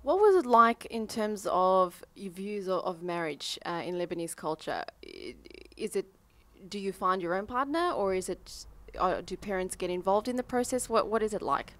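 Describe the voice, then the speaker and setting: A woman's voice: mid-range voice, big pitch swings, normal speed, no echo. A woman asking interview questions, with fillers and repeated words. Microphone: handheld mic.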